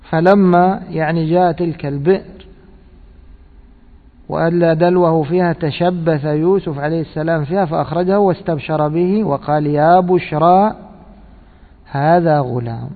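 A man giving a scripture commentary lesson. He reads a text aloud, explains it, and quizzes his listeners with rhetorical questions. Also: a little high. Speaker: religious teacher. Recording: tinny echoey hall recording.

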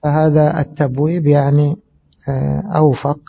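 Man, religious lesson, measured explanatory delivery, gravelly voice, phone-line audio. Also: fairly high pitch, little pitch movement. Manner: measured, explanatory, pauses with fillers. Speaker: hadith teacher.

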